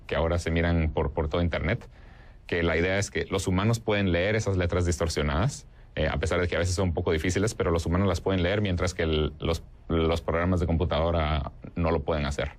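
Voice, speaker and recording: A young man from Guatemala answers questions as an interview guest in a low, steady voice at a brisk pace. His answers are hesitant, with many fillers and restarts.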